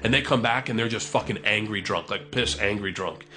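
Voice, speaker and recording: Bright-voiced man telling a profane comic story. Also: on the low side, a little fast. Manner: profane, animated, acts out quotes.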